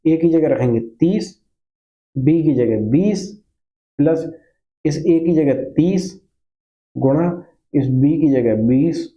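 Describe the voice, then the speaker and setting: A man's voice: on the high side, muffled recording. Patient male Hindi math teacher. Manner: patient, repeats steps and asks the class questions; mixes Hindi with English terms. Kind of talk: step-by-step classroom explanation.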